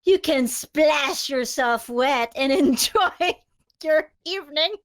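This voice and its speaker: A woman's voice: high-pitched, lively intonation, slow. A woman co-hosting a podcast in casual chat, laughing often as she talks. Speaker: podcast co-host.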